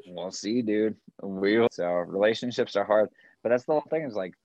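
Speaking a little fast in a lowish, somewhat mellow voice, this American man of thirty is a Colorado yoga teacher appearing on a podcast. The recording is dry and muffled, and his conversation is casual, candid, and laid-back.

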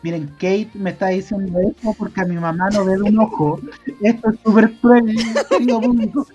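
A man's voice: high voice, brisk, highs cut off, soft background music. A young man with a Chilean accent, a podcast co-host telling stories in casual chat and acting out voices. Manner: animated, acts out voices in his stories.

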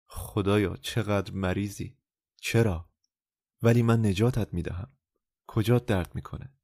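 A man reading the part of a resolute, tender young woman in love, in his own low voice, for an audiobook. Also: darkish tone, no room sound, studio quality.

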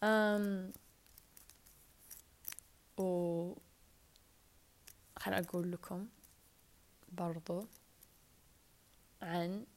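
A woman with a Saudi Arabic accent chatting on a casual solo podcast, rambling and rushed, often dropping into whispers, recorded on a wired earphone mic. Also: fairly low pitch, steady tone.

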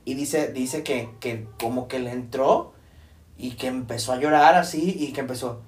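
A young Mexican man casually telling a ghost story to friends, rambling and jumping into quoted voices. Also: normal speed. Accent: Mexican Spanish. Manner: rambling, acts out quoted voices with high pitch jumps. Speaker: podcast host telling a scary story. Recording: echoey room.

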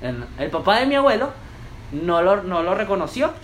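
A young woman with a Venezuelan accent talks in a fairly low voice. She chats casually and rambles with plenty of slang. Faint background noise runs under her. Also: very animated, normal speed. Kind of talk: casual chat.

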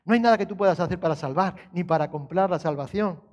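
Speaking fast in a voice that sits high, this pastor preaches conversationally. He questions the congregation, quotes scripture, and moves from hushed storytelling to loud, emphatic stretches.

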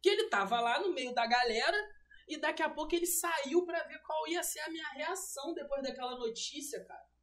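Guest: carioca woman, lively slangy storyteller, slightly high voice, acts out every line. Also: fairly quick. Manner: animated, slangy, acts out quoted dialogue. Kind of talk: emotional personal storytelling on a livestream.

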